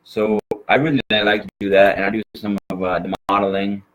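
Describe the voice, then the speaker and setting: A man's voice: lowish voice, little pitch movement, a little fast, a bit bright, poor audio. A man from Minnesota with an exaggerated Minnesota accent, chatting as an interview guest in a folksy, rambling way. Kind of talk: casual interview chat.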